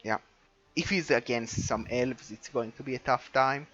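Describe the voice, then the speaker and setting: Relaxed man on a dull lo-fi line. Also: mid-range voice, moderate pace. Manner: relaxed, chatty, analytical. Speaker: co-host. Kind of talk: casual game recap chat. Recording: dull lo-fi audio.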